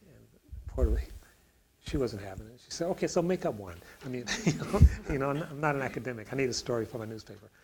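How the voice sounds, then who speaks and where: A man's voice: mid-range voice, lively intonation, quick pace, crowd noise, rough recording. A man on a discussion panel answering a question, talking in a rambling way with many fillers and restarts.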